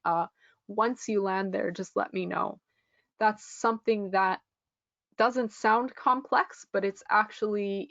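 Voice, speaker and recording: A woman's voice: medium pitch, a bit bright, no echo, muffled recording. A woman teaching a live online test-prep lesson, explaining scores in a friendly way with frequent ums.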